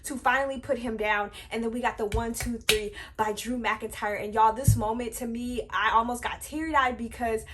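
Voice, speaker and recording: A young woman with a higher-pitched voice gushing through a wrestling recap for her channel. She talks in an animated, chatty way, keeps calling her viewers y'all, and stumbles through fillers as she goes. Recorded close on a webcam or phone mic. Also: moderate pace, hardly any pauses, slight background noise. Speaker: wrestling review vlogger. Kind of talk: excited casual wrestling recap.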